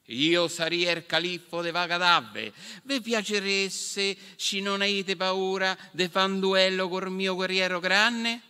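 A man's voice: high-pitched, fairly even intonation, takes it slowly, hardly any pauses, pushed and bright, clear, resonant tone, pitched above the performer's own voice, exaggerated voice. A man voicing a courteous caliph issuing a challenge, in a Marche dialect from the Fabriano area. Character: polite, formal Eastern caliph in turban. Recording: reverberant hall.

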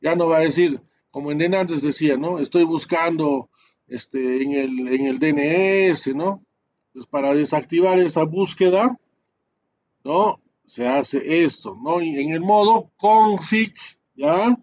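A man's voice: on the high side, slow pace, darkish tone, lo-fi sound. A male networking instructor walking students through a switch lab step by step, full of fillers and tag questions. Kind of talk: live screen-share class.

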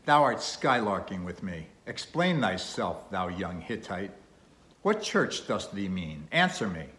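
A man's voice: low voice, big pitch swings, measured pace, fairly bright tone, reverberant, heavily acted. A man voicing a stern, pious old Quaker ship owner with a hollow voice and archaic speech, in an audiobook. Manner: archaic thee-and-thou speech.

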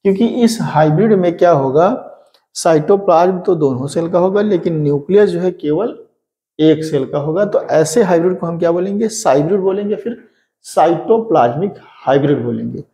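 A man teaching an exam-prep lesson in a mellow, relaxed voice. His pitch sits a touch high. He keeps asking rhetorical questions and answering them himself. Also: moderate pace. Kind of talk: explaining a lesson.

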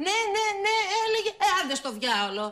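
A woman's voice: high voice, big pitch swings, sharp tone, full character voice. A woman acting a suspicious, jealous sitcom character who talks in emphatic, breathless bursts. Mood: indignant. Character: excitable suspicious jealous woman, prone to outbursts. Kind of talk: comedic TV acting.

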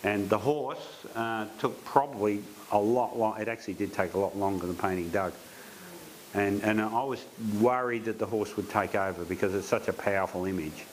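A man, a painter, telling animated stories in an interview and acting out the voices he quotes. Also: on the low side, moderate pace, slight background noise, poor audio. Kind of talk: storytelling interview.

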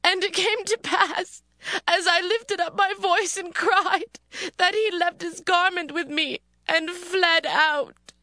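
A scheming, aggrieved wife in a biblical audio drama. Her voice is extremely high and piercingly bright, recorded dry, and she accuses with dramatic deliberation. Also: steady tone, no echo, heavily acted. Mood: aggrieved, accusing. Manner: slow, dramatic, accusing delivery. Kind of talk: dramatized scripture acting.

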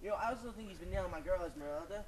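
A man's voice: high-pitched, rapid-fire, lightly acted. A man playing a jealous, scheming gang member in a homemade comedy skit, talking in slang and griping. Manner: slangy, complaining. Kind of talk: amateur comedy skit acting. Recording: noisy homemade recording.

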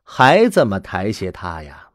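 A man voicing a stern, blunt old grandmother, speaking slowly and pressing with questions. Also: low-pitched, wildly swooping pitch, no echo, clean studio sound, exaggerated voice. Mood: probing. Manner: slow, measured, pressing questions.

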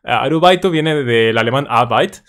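A man giving a casual, animated talk about learning languages, with plenty of fillers and restarts. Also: medium pitch, moderate pace. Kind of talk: casual educational talk to camera.

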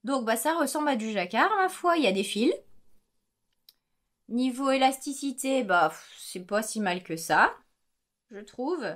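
A woman's voice: on the high side, animated, a little slow, pauses often, fairly bright tone. A young adult woman chatting casually about her knitting projects in a vlog, with frequent fillers and self-corrections. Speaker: knitting podcaster.

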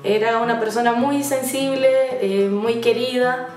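A woman's voice: fairly high pitch, steady tone. Chilean woman in her twenties, roomy. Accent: Chilean Spanish. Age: 20s. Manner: soft-spoken, reflective, with frequent "eh" pauses. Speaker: folk singer. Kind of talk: documentary interview. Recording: roomy sound from some distance, faint music under it.

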